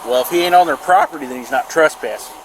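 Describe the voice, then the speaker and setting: A man's voice: a little high, fast, crowd noise, poor audio. A male police sergeant outdoors, speaking hesitantly and repeating words, recorded on a body camera. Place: outdoors on a street by a bank. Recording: body cam with clear street noise.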